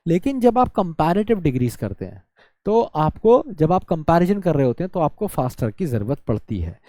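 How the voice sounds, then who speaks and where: Guy teaching grammar in hindi, high mellow voice, dry close sound, keeps quizzing himself. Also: big pitch swings, normal speed, no room sound. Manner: explains by asking and answering his own questions; drawls words out to show syllables. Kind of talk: exam-prep grammar lesson.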